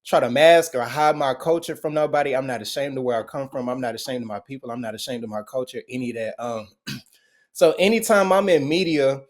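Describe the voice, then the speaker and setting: A man's voice: medium pitch, brisk. A young man with a Southern American accent, a guest talking earnestly and casually in an interview. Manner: earnest, relaxed, with many fillers. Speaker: guest athlete.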